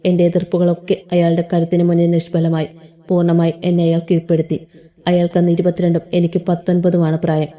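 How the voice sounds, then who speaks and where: A woman narrating a first-person audio story in a steady, measured way. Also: lowish voice, lo-fi sound.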